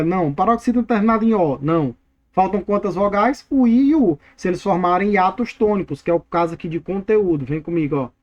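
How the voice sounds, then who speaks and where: A Brazilian man teaching an exam review lesson, energetic and playful, drilling words by repeating them. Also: high voice. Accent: Brazilian Portuguese.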